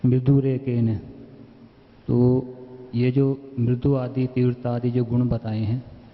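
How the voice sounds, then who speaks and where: A man's voice: medium pitch, level tone, takes it slowly. A male student asking his teacher a question about a text, hesitant and careful. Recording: muffled, with long hall reverb.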